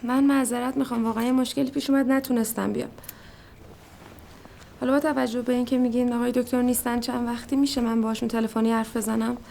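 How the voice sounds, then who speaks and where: A woman's voice: fairly high pitch, flat delivery, gravelly, mellow, a little hiss or hum. An actress playing an anxious wife and mother who presses people with urgent questions. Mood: weary. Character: anxious wife and mother, young adult woman. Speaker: worried wife of an injured man. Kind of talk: film acting.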